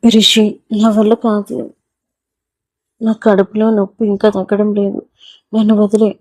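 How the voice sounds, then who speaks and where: A woman's voice: medium pitch, little pitch movement, a little slow, a little mellow, dry recording, natural voice. A woman voicing a frightened young woman who pleads tearfully with her lover in an audio story. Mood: pleading. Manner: pleading, fearful.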